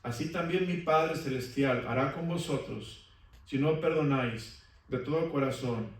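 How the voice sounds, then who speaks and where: A man's voice: a little high, measured pace, distant mic. Man preaching in an echoey church. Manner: preaching with call-and-response questions to the congregation. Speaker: pastor. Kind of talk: sermon. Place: church sanctuary.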